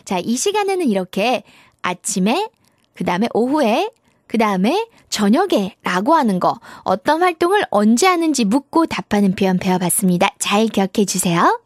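A woman's voice: medium pitch, big pitch swings, moderate pace, dry recording, studio quality. A woman teaching English to children in Korean, in a cheerful, encouraging way. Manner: cheerful, encouraging, sing-song.

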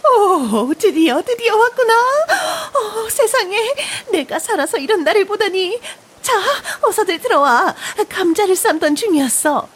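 A woman plays a motherly storybook beaver wife with a high, swooping voice. She fusses and sounds full of feeling, excitable in every phrase. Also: a little slow, hardly any pauses, full character voice. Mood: overjoyed, tearful. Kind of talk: storybook character voice.

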